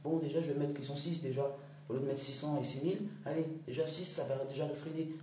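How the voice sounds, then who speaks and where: A woman giving a rambling spiritual monologue to her online audience. She talks straight to the listener in street slang and swings between hushed whispers and loud outbursts. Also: low-pitched, steady tone, fast talker. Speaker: spiritual speaker. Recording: roomy echo with faint hum.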